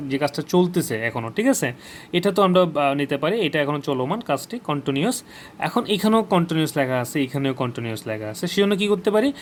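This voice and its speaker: A man's voice: on the high side, slight background noise. A man teaching a lesson, speaking colloquially and asking questions, then repeating the answers himself. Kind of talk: explaining a lesson.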